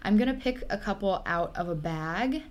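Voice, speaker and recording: A woman's voice: mid-range voice, lively intonation, moderate pace. A young woman hosting a casual podcast chat, bubbly and jokey, talking with a friend. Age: young adult. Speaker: podcast host. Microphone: laptop-less lower-quality setup.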